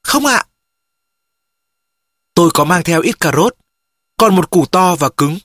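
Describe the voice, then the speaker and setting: An audiobook narrator telling a first-person story in a steady, even manner at a middling pitch. The voice is recorded close on a studio mic with a dry, dead sound. It is a measured, scripted reading. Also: dry recording.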